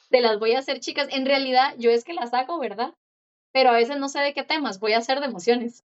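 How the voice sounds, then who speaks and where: A woman teaching a Korean class, who repeats words slowly and keeps checking in with her students. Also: high-pitched. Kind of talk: online class explanation. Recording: dull lo-fi audio.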